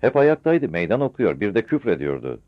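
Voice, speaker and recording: A man's voice: on the low side, sing-song, brisk, no room sound, pitched above the performer's own voice. A man voicing a seasoned gendarme sergeant, matter-of-fact and respectful, in a dull, dry old radio recording. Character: seasoned male gendarme sergeant, calm and knowing.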